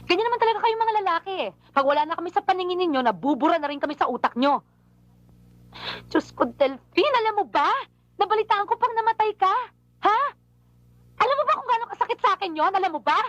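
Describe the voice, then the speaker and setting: High-pitched hurt lady scolding her man, emotional, dry sound. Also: expressive, fairly bright tone, no echo, highs cut off. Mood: reproachful. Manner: emotional, reproachful, rapid complaining. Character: unmarried woman, hurt and longing, outspoken. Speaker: Georgia, a woman reproaching her lover. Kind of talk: film drama acting.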